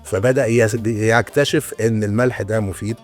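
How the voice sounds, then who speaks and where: A man in his sixties with an Egyptian Arabic accent, a retired antiquities restorer explaining his craft in a casual interview, often pausing and restarting mid-sentence. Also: on the low side, fairly even intonation, soft background music. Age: 60s. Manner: storytelling, explaining with many hesitations and restarts.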